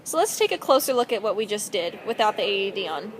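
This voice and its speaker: A woman's voice: mid-range voice, big pitch swings, quick pace, poor audio. Young woman narrating a first-aid demo. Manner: reads steadily with some fillers. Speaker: student presenter. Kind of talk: scripted instructional narration.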